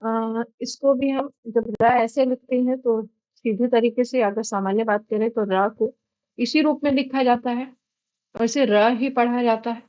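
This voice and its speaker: High-voiced Indian woman teaching grammar. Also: lo-fi sound. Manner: patient, asks and answers her own questions. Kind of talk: explanatory grammar lesson.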